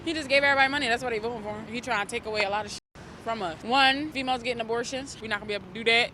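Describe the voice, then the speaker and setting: A man's voice: extremely high pitch, racing. A man answering a street interview in a dismissive, slangy way. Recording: street noise behind.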